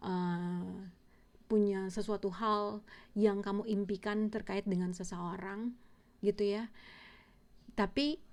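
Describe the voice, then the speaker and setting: A woman's voice: medium pitch, a little mellow. Lady reading tarot cards, chatty, lots of ums and restarts, drops english words in. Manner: rambling, many fillers and self-corrections, mixes English words. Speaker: tarot reader.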